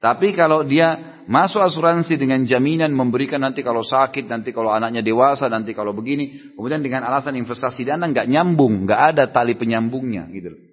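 A man preaches to a study gathering, answering questions in a loose, conversational manner and throwing rhetorical questions at his listeners. His voice is a little husky, at a middling pitch. The sound is dull and lo-fi, with a long hall echo around it. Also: fast. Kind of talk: sermon Q&A at a religious study gathering.

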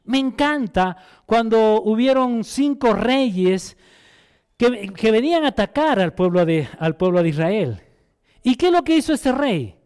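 A man preaching a sermon as pastor, asking the congregation questions and voicing quick quotes. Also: high-pitched, big pitch swings, a little mellow, clear, resonant tone.

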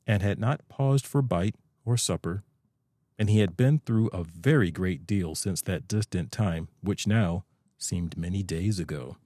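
Deep calm guy reading a bedtime story, warm tone, dry close mic. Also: no room sound. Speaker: audiobook narrator.

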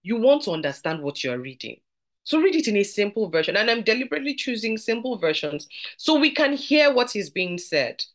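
A woman teaching a podcast Bible study, conversational and earnest, slowing down to read scripture aloud. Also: medium pitch, very animated.

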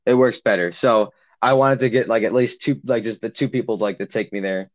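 A man's voice: lowish voice, a little fast. A young man casually telling a long camp story, rambling with lots of "like" and acting out the quotes. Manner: rambling, heavy use of "like", acts out quotes. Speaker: podcast co-host. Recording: dull lo-fi sound.

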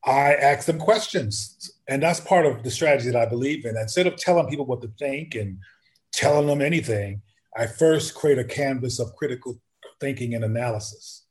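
A man in a relaxed interview, speaking in a middle-pitched voice. He talks reflectively, often restarting sentences, and lifts his voice when he acts out questions he puts to others. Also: normal speed. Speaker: activist guest. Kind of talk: conversational interview.

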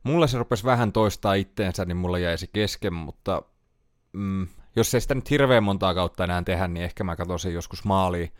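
A man with a very low voice talks through his picks on a solo podcast. He rambles casually, pausing to recall names and correcting himself along the way. The sound is close and completely dry, with no room around it. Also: no room sound. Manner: chatty, thinks aloud, trails off and corrects himself. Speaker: podcast host.

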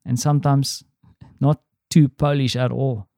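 A man with a South African accent rambles reflectively about his day, hesitating often. His voice is dark and gravelly with little rise and fall, and it sits close and dry with no room around it. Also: medium pitch, flat delivery, unhurried, no echo. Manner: rambling, reflective, many ums and restarts. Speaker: podcast host. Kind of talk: casual spoken diary. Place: apartment.

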